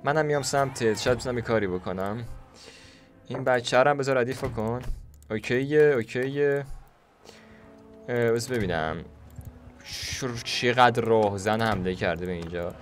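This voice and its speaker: A young man casually commentating a video game he plays, joking, chatting to the game characters and sometimes bursting into shouts. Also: mid-range voice, pauses often, soft background music. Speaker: gaming YouTuber. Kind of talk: casual Let's Play commentary.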